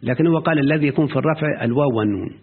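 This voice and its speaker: Husky man teaching grammar over phone line. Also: mid-range voice. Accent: Egyptian Arabic. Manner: questioning the student often, drawn-out quoting. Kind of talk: Arabic grammar lesson.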